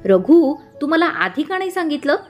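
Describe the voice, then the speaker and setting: A busy young male boss with a short fuse, answering in clipped phrases, read by a woman telling the story. His lines are a touch higher than her narration, with faint music underneath. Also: moderate pace, a little mellow, lightly acted. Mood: curt.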